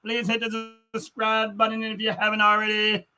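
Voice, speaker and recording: Faint music plays behind a middle-aged livestream host whose high voice is bright, forceful and monotone at a moderate pace. Responding to chat, he speaks casually with strong views, repeating phrases to press them.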